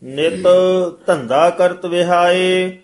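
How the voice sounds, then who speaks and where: A man practising scripture recitation as a student. He reads each line very carefully in a chant-like way and repeats the lines after his teacher. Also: high-pitched. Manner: very slow, careful, chant-like reading.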